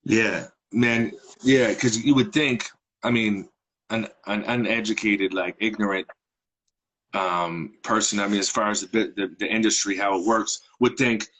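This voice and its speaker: A man in his thirties hosting a live interview, talking in a relaxed, rambling way. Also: on the low side, unhurried, poor audio. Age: 30s. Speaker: podcast host. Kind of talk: casual interview chat.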